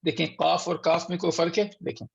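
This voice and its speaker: A man teaching a Quran recitation class online, patiently sounding out letters slowly and repeating them for students. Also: on the high side, fairly even intonation, creaky, lo-fi sound. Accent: Urdu-speaking. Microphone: computer mic on a video call.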